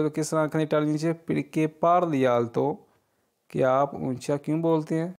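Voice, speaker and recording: A man teaching a casual spoken lesson, reading example phrases slowly and explaining each word. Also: fairly high pitch, darkish tone, clean tone. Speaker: language teacher.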